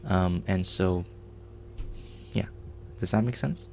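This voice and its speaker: A man hosts a programming livestream, explaining things in a rambling, casual way full of ums and restarts. His voice is low, slow, creaky, and somewhat dark, with slight background noise.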